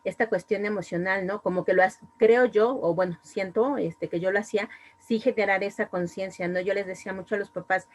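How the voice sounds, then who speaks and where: A woman's voice: mid-range voice, fairly even intonation, fairly quick, hardly any pauses. A woman with a Mexican accent, a speech therapist giving a long, rambling comment on an online panel, full of fillers and restarts. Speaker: speech therapist, audience participant. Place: video call.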